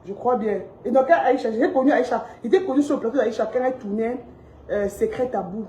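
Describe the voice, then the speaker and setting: A woman, raising her voice a little higher than most as she fires off a confrontational rant at her followers, hammering the same points again and again. Her tone stays mellow and warm even while she scolds. She films inside her shop on a phone, so the room rings with echo and a faint ambience hums behind her. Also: a little fast, slight background noise. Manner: emphatic, repetitive, confrontational, talks straight to her audience. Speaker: shop owner addressing followers. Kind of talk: heated social media rant.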